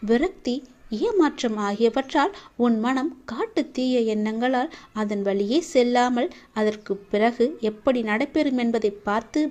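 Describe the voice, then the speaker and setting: A woman voicing a male god who gently counsels a devotee in a scripted devotional monologue, tender and reassuring. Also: on the high side, lightly acted. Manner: tender, reassuring, slow and preaching.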